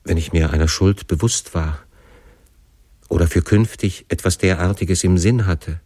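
A man voicing a sorrowful young woman who earnestly pleads her innocence, in a soft, sad way. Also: sits low, moderate pace, no room sound. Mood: sad pleading.

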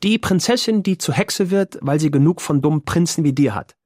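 A man reading an audiobook, voicing a determined teenage girl who speaks calmly and firmly in a raised voice. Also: fairly quick, dry recording, studio quality. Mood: teasing. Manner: calm, firm, raised pitch. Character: determined teenage girl, resigned yet teasing. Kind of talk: audiobook character voice.

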